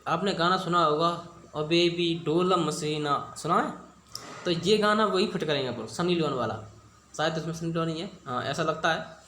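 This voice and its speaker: A man's voice: fairly high pitch, fairly quick, pushed and bright, a little hiss or hum. Chatty man teaching in an echoey room. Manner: chatty, repeats questions to the viewer, checks in often. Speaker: exam coaching teacher. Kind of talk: casual Hindi exam-prep lesson with memory tricks. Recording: echoey room with faint ambience.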